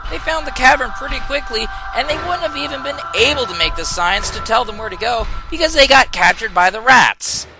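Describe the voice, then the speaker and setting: A man's voice: extremely high pitch, animated, fairly quick, hardly any pauses, over loud music, rough recording. A man narrating a scripted comedic video game review in a sarcastic, exasperated way.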